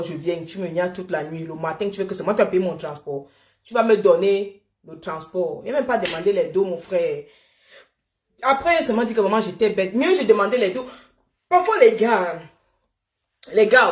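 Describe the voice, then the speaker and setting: With a medium-pitched voice in a reverberant recording, a woman from Cameroon chats animatedly through a personal story, frequently laughing and addressing listeners as "mon frère."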